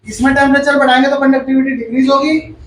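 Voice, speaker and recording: A man's voice: extremely high pitch, little pitch movement, fast, background noise. A male chemistry teacher gives a classroom lecture. He repeats each point and quizzes the class as he goes. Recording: echoey room, far from the mic.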